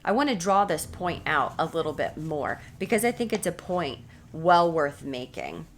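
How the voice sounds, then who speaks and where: An American woman with a slightly low voice leads a recorded women's Bible study, animated and at a moderate pace, with a little hiss or hum audible. She speaks earnestly and repeats key phrases to drive each point home.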